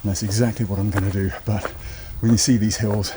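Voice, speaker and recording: A man's voice: on the low side, little pitch movement, a little fast. A British man chatting casually to camera as a running vlogger. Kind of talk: casual vlog chat to camera. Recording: noisy vlog recording with clicks.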